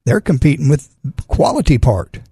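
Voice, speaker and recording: Husky, folksy man. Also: a little high, sing-song, normal speed, dark tone, no room sound. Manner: folksy, plain-spoken. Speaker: auto repair shop owner, radio guest. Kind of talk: casual radio talk about car repair.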